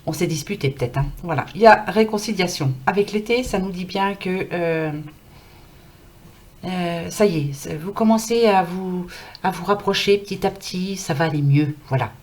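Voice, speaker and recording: With a fairly low, slightly mellow voice and a moderate pace, a French woman reads tarot cards casually to camera. Her throat is scratchy and she's losing her voice, but she stays chatty and reassuring, using lots of fillers.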